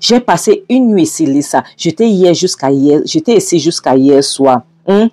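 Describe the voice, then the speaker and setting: A woman's voice: low voice, animated, normal speed, dark tone, breathy edge. A woman voicing an indignant friend who scolds and presses with many questions. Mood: insistent. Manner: scolding, insistent.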